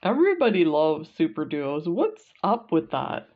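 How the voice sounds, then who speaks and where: A middle-aged Canadian woman unboxes beads for her vlog, chatting casually and gushing with plenty of fillers. She speaks at normal speed in a low voice whose pitch swoops wildly, and the audio sounds dull.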